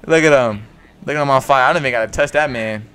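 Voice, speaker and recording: A man's voice: mid-range voice, fast talker, very noisy. Young man mumbling slangy game commentary. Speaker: gaming YouTuber. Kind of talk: casual gameplay commentary. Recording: faint music behind.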